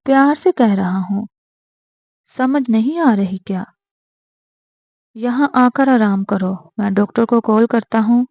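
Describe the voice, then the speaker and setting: A woman reading the part of a stern, commanding young husband who scolds loudly and insists on having his way. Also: very high-pitched, creaky, pauses often, no echo, dull audio. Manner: stern, raises voice.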